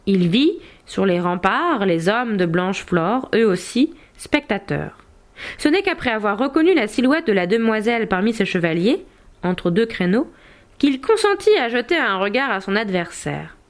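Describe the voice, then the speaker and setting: A woman narrating an audiobook of a medieval tale, in a measured, expressive storytelling manner. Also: mid-range voice.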